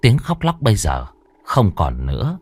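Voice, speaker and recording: A man narrating a horror story with expressive, dramatic pacing. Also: lowish voice, normal speed, breathy edge, no room sound.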